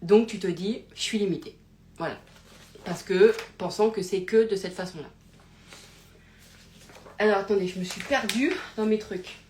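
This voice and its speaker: A woman hosting a live talk, theatrical and animated, swinging from loud exclamations to low mutters, laughing often and interrupting herself. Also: unhurried, pauses often, slight background noise. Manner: laughs often, many fillers and self-interruptions. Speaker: host of a live self-help talk. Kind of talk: casual live-stream monologue.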